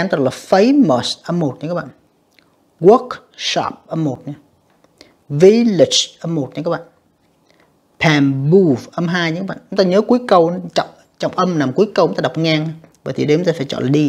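A teacher, patiently explaining an English exam step by step and saying the English words slowly and carefully. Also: medium pitch, slightly rough. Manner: patient, repetitive explaining with frequent tag particles. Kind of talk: exam review lesson.

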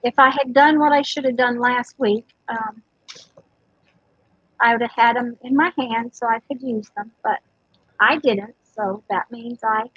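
Brief: chatty woman teaching a craft, husky, dry close sound. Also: a little high, measured pace, no echo, lo-fi sound. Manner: chatty, rambling with fillers. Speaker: craft instructor. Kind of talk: casual craft demonstration.

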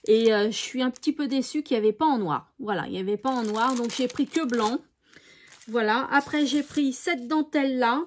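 Casting note: high-pitched woman, chatty craft vlogger, relaxed haul talk full of little hesitations. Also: moderate pace, slight background noise. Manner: chatty, with frequent hesitations and "voilà". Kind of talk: casual haul show-and-tell.

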